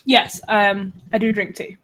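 A woman's voice: mid-range voice, steady tone, measured pace, fairly bright tone. Chatty woman rambling through explanations. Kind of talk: casual chat.

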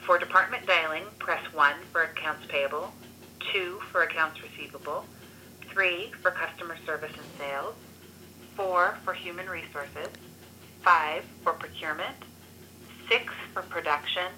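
A woman's recorded voicemail greeting for a business, heard through a phone on speakerphone, reciting the menu options in a formal, measured way. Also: fairly low pitch, bright, forceful tone, a little hiss or hum, rough recording.

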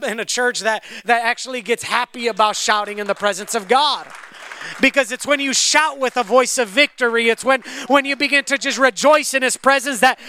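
In a very high-pitched, clean voice, a young man who grew up speaking Romanian preaches a sermon and tells a story from his own life. He often restarts on repeated words while building up to loud, fervent passages.

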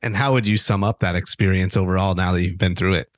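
A man's voice: deep voice, fairly even intonation, fast talker. A man hosting a sports podcast, asking long, winding interview questions.

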